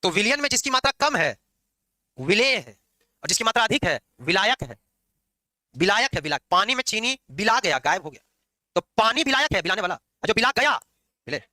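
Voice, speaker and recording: Man, chemistry teacher, high bright voice, dry close sound. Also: brisk, long pauses, dry recording. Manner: lively, scolding and joking with students. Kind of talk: classroom lecture.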